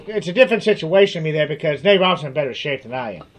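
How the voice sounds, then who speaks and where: A man in a casual video-call podcast, quick and self-deprecating, stammering when pressed. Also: on the high side, expressive, a little hiss or hum. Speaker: podcast co-host.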